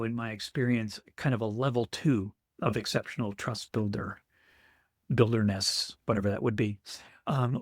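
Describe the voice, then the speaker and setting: A man's voice: mid-range voice, no echo, studio quality. A man co-hosting a conversational podcast, thinking aloud and searching for his words. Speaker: podcast co-host.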